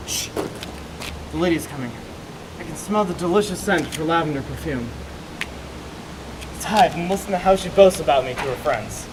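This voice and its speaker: A man playing a vain, wealthy young gentleman suitor in a stage comedy, speaking in a pompous, self-satisfied way. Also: fairly high pitch, expressive, moderate pace, pauses often, natural voice. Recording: noisy stage recording, distant microphone.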